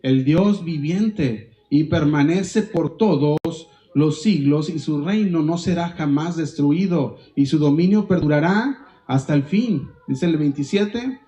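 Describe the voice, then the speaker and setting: A man's voice: a little high, slow pace, mellow, rough recording. A male pastor preaching a sermon, reading scripture aloud and stopping to quiz the congregation with questions.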